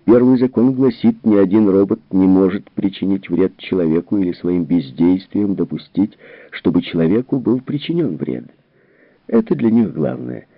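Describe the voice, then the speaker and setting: A man's voice: deep voice, lively intonation, normal speed, vocal fry, dry recording, heavily acted. A man reading aloud who voices a worried, troubled general explaining things earnestly, on a tinny narrow-band recording. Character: worried, troubled middle-aged male general.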